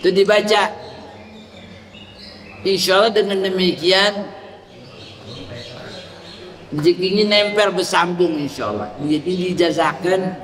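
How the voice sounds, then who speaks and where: A man's voice: high voice, fairly bright tone. A man preaching at a dawn gathering in a mosque, acting out prayer gestures and leading the congregation in a repeated chant. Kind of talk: mosque sermon. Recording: echoey mosque hall, faint ambience.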